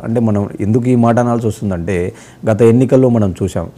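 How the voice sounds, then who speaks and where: Dark-voiced male political analyst. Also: lowish voice. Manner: measured, analytical, with filler 'so' and 'ante'. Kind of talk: live TV panel debate.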